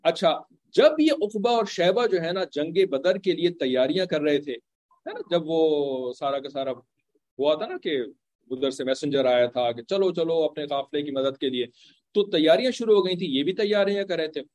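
A man's voice: on the high side, animated, normal speed, a little mellow, dry recording. A man telling a religious story in a conversational way, often checking in with his listeners and mixing in English words.

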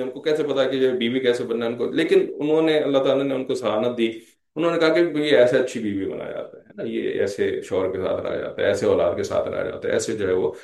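A man's voice: medium pitch, fast, a little mellow, echoey room. A man giving a conversational Islamic lecture, mixing in English phrases and checking in with his listeners after nearly every point. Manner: conversational, repeats "theek hai" as a check-in; mixes English phrases into speech. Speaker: religious lecturer.

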